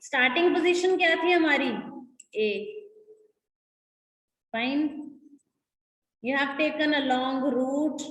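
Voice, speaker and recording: A woman's voice: high-pitched, normal speed, long pauses, a bit bright. A woman with a North Indian accent teaching a school lesson, mixing English and Hindi, repeating key points and checking that students follow. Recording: echoey, reverberant room sound.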